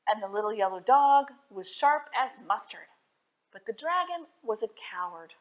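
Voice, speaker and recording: A woman with a somewhat high voice, speaking at a normal pace, reads poems and stories to children at the library. She's expressive and keeps posing questions to her little audience.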